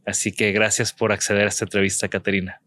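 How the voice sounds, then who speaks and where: A man hosting a podcast interview, talking in a relaxed, rambling way with frequent restarts. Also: on the low side, quick pace, no room sound. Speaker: podcast host. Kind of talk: casual interview chat. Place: museum house-studio.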